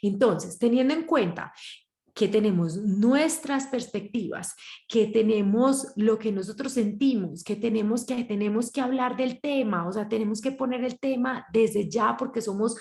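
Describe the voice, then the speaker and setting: A woman with a Colombian Spanish accent gives a talk to parents and acts out the voices she quotes in a lively way. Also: on the high side, moderate pace, echoey room. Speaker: parenting workshop speaker.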